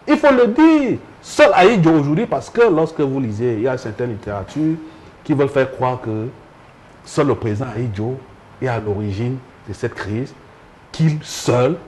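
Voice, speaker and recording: Give me an insistent man debating politics, lively pitch, faint background hiss. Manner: emphatic, insistent. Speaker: panel guest.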